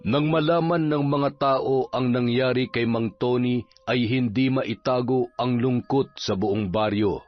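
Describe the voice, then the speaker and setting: A man giving steady, measured narration for a scripted horror story. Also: medium pitch. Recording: slightly dull recording with music underneath.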